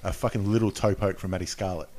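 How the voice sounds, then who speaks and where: Man, very low voice, hesitant, casual chat. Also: steady tone, fast talker, a little mellow. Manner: rambling, hesitant with many fillers.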